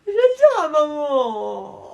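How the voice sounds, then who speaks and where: A small child sobs and whines, threatening to tell their mother. pitching it very high with big swoops and drawing the words out slowly. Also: huge pitch swings, vocal fry, exaggerated voice. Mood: whining. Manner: wailing, tattling. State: crying. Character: crying whiny little kid sibling.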